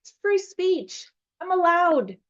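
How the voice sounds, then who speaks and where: A woman's voice: very high-pitched, very animated, slow pace, a bit bright. A woman village trustee arguing passionately and emphatically at a public board meeting. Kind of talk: heated public meeting debate. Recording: dull lo-fi meeting recording.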